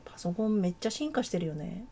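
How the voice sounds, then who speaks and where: Mellow-voiced woman chatting over a game. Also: medium pitch, big pitch swings, quick pace. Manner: chatty, reacts aloud to the game. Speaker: game streamer. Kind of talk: casual let's-play commentary.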